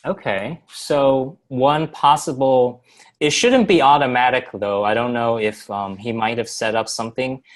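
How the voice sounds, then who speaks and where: A man presenting a software walkthrough on a webinar, explaining steps with many fillers and halting restarts. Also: medium pitch. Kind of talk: screen-share software walkthrough.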